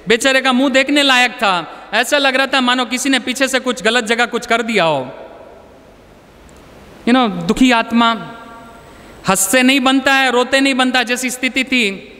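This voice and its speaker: A man's voice: very high-pitched, bright, forceful tone, in a large hall. A man telling personal stories in a chatty talk to an audience, dropping English words into his speech. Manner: conversational, anecdotal, mixes in English words. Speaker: motivational speaker.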